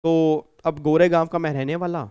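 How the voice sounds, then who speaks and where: A man's voice: on the high side, fairly even intonation, moderate pace, darkish tone, clear, resonant tone, dry recording, clean studio sound. A male teacher giving a recorded exam-prep lecture, chatty and repetitive, often checking in with his students. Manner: chatty, repeats himself, keeps checking with students.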